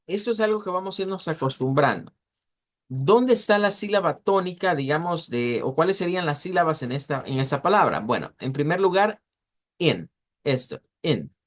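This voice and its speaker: A man's voice: on the high side, expressive. Man teaching pronunciation, repeating words. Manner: explanatory, repeats words slowly to model sounds. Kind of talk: online class lecture.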